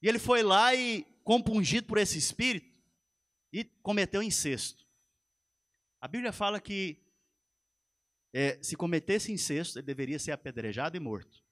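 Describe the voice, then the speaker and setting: A man's voice: sits high, lively intonation, moderate pace, long pauses, fairly bright tone. A man, a pastor preaching a sermon in a church, retelling a story with animation and speaking straight to the congregation.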